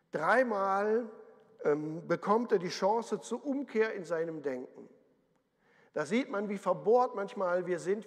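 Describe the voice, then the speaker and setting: A man's voice: high-pitched, long reverb tail. A man preaching a sermon as pastor, telling the story vividly and acting out the voices he quotes.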